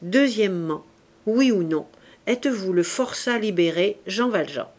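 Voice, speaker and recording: A woman voicing an attentive, kindly male court president who speaks in a measured, formal way. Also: medium pitch, lively intonation. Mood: grave.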